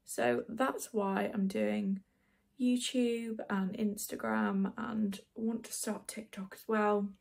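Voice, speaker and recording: A twenty-year-old woman does a casual get-ready-with-me beauty vlog from a small, dim bedroom indoors, rambling with lots of fillers while applying makeup. She takes it slowly in a medium-pitched, level voice that's gravelly and a little mellow.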